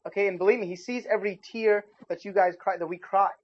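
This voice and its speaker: A man giving an informal sermon as a youth pastor, chatting casually with his listeners and adding animated asides. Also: high-pitched, fast. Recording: dull lo-fi recording.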